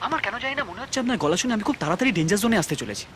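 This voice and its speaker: An actor playing an exasperated young newlywed who pleads in a comic film. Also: male voice, sits high, sing-song, very fast, fairly bright tone, a little hiss or hum. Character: anxious newlywed young man on his honeymoon. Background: film score.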